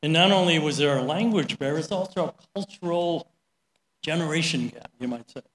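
A man's voice: on the high side, a little fast, a bit bright. A middle-aged man giving a sermon, telling a story in a chatty way with many "right?" asides. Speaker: preacher. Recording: roomy echo.

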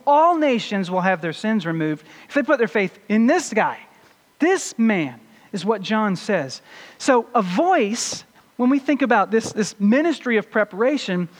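High-voiced pastor preaching in a reverberant hall. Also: male voice. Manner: teaching, poses rhetorical questions and answers them. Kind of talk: sermon. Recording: long reverb of a large hall.

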